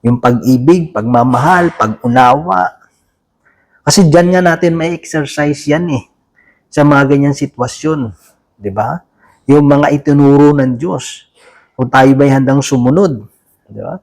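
A man's voice: medium pitch, unhurried, creaky, pauses often, darkish tone. A man preaching a sermon in a casual, conversational way, often turning to the listeners with a question. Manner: many restarts and fillers, chatty and informal.

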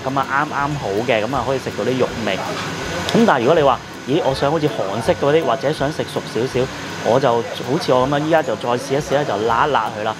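A middle-aged man with a Hong Kong Cantonese accent narrates a casual restaurant review vlog, chatty and explanatory, peppering his speech with sentence particles. His voice is mid-range, and the audio quality is poor.

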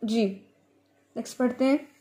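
A woman teaching Quran recitation in an online class, explaining rules slowly and then chanting each verse for her students to repeat. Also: on the high side, steady tone, mellow. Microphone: video call.

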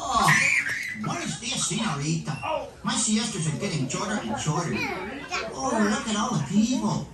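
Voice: mid-range voice, sing-song, normal speed, shouting, close to an everyday voice. An actor playing a sleepy, cheerful parrot who hosts a theme park show. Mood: waking, delighted. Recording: echoey theater playback, distant, crowd noise.

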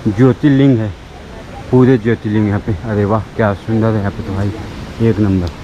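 A man's voice: lowish voice, fairly even intonation, muffled recording. Man, travel vlogger, outdoors, talks to viewers, roaring waterfall noise behind. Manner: chatty, admiring, addresses viewers directly. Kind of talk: walking tour vlog narration. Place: outdoors at a temple site by a waterfall. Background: loud rushing water.

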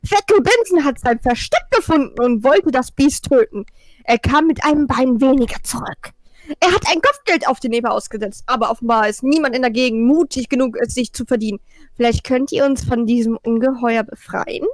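A high-voiced woman reads quest text from a game at a steady pace with small hesitations. Her close mic is overloaded, so the loud parts clip and crackle with distortion, in a dry room with no echo. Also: brisk. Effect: clipping, distorted overloaded mic. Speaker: co-player in a let's play. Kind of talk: reading game dialogue aloud. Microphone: home gaming mic close to the mouth.

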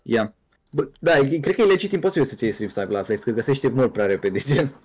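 A man's voice: mid-range voice, faint music behind. A young man from Romania streaming a game, chatting casually and reading viewer questions out to his friends. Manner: relaxed, reads chat questions out to friends. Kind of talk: casual gaming chat on a live stream.

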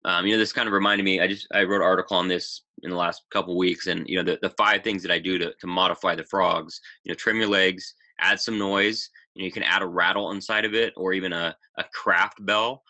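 A man's voice: sits low, fairly even intonation, a little fast, few pauses, bright, forceful tone. A man in his thirties casually presenting a fishing webinar over slides, full of "you know" and "um" fillers, recorded on a webcam mic in a small room. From Pacific Northwest, United States.

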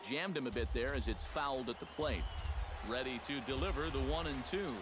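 A man playing a steady, polished play-by-play baseball announcer in a sports video game. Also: mid-range voice, noisy background, lightly acted. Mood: steady, engaged. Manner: polished, measured broadcast delivery. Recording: loud stadium ambience behind the voice.

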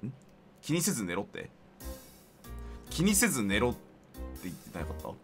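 A man giving excitable, jokey gameplay commentary as a streamer. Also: on the low side, normal speed, soft background music. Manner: excitable, laughing, jokey reactions. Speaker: game streamer.

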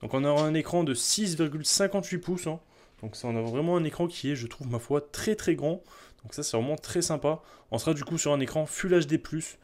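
A man's voice: a little high, fairly quick, a little mellow. Chatty tech reviewer man. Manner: chatty, repeats "très, très" and "hop". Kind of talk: product review vlog.

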